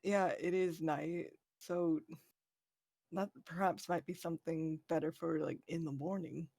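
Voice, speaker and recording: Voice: medium pitch, fairly even intonation, measured pace, gravelly, darkish tone, no echo. Tentative, polite roleplayer in a dry room. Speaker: tabletop game player. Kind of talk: in-character roleplay.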